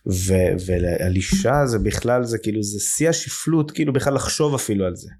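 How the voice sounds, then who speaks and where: A man's voice: fairly low pitch, darkish tone. A man talking as a podcast guest, earnest and emphatic, thinking aloud with many fillers in a casual conversation.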